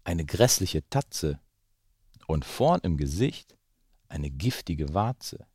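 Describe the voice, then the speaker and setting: A man voicing a clever little mouse in a rhyming children's story, reciting brightly. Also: sits low, very animated, slow pace, breathy edge, no echo, studio quality, full character voice. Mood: confident.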